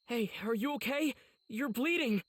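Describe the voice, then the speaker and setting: An actor voicing a kind, earnest teenage boy demon slayer in a video game cutscene, calm and concerned. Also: very high-pitched, moderate pace, reverberant, long reverb tail.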